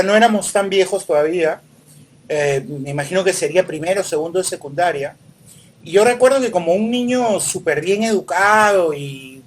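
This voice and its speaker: A man's voice: high-pitched, a little hiss or hum. A middle-aged man with a Peruvian Spanish accent, a podcast host reminiscing casually and unhurriedly with his son, with many fillers. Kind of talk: casual chat.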